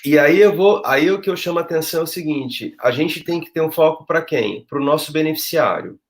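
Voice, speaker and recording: A man's voice: a little high, a little fast. A man speaking as a guest, emphatic and acting out quoted thoughts. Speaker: guest, social project leader. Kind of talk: conversational discussion.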